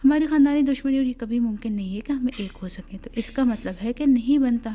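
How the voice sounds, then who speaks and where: A headstrong young village daughter, read by a woman narrator, who talks back bluntly and with spirit. The tone is mellow and soft. She sounds like a storybook heroine who speaks her mind. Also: fairly high pitch, lightly acted. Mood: firm.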